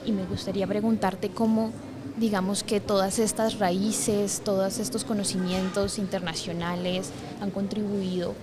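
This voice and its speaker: A woman's voice: mid-range voice, level tone, normal speed, a crowd in the background. A woman interviewer introducing a guest and asking formal questions, hesitating often with filler words. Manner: warm, hesitant phrasing with "eh" and "digamos".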